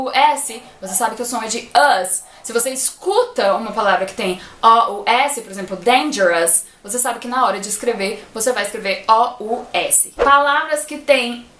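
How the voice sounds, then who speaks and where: A Brazilian woman teaching English pronunciation in a casual online lesson, lively and full of examples. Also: on the high side, echoey room. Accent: Brazilian Portuguese.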